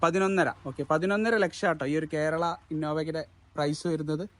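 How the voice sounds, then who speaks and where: Male vlog host, Kerala accent, slightly high voice, Malayalam peppered with English, echoes and checks each detail conversationally. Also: fairly even intonation, normal speed. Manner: Malayalam mixed with English words; repeats answers back and checks with questions. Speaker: car showroom video host. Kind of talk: casual vlog interview about used cars.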